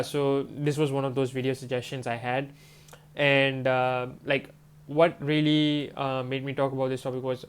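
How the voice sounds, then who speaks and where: Congested from a stuffy nose and a swollen throat, this man, a manifestation coach, speaks casually to the camera. He rambles and leans on fillers like "um" and "you know." His medium-pitched voice is clear and resonant.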